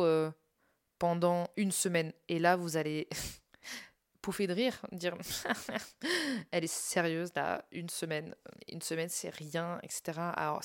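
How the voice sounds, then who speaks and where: A young woman talks candidly into her own podcast, her voice a touch low and worn with tiredness. She jokes at her own expense, stumbles over restarts and fillers, and keeps the tone casual. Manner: candid, self-mocking, laughs through serious points, many fillers and restarts. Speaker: podcast host and content creator. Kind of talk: casual personal podcast monologue.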